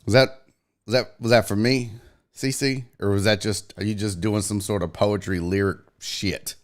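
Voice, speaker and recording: A man's voice: lowish voice, steady tone, moderate pace. A man hosting a casual livestream, greeting viewers in slangy, buddy-like terms with blunt, profane, joking talk. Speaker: livestream host.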